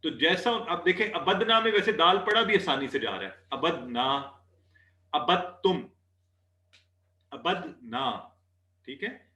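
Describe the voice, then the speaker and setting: A man teaching an Arabic class, patiently repeating words slowly for students to drill. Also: sits high, big pitch swings, sharp tone, echoey room. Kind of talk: online class lesson.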